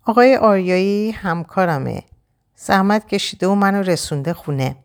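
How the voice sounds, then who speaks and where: Woman narrator doing a scared, trembling young woman; gravelly. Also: mid-range voice, voice pushed up, lightly acted. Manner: soft, trembling. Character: frightened, timid young woman.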